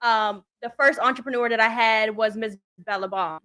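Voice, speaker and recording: Brief: twenties New woman guest, bright and earnest, a bit high. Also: moderate pace. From Brooklyn, USA. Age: 20s. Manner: earnest, steady telling with fillers. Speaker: podcast guest, entrepreneur. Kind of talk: casual interview chat.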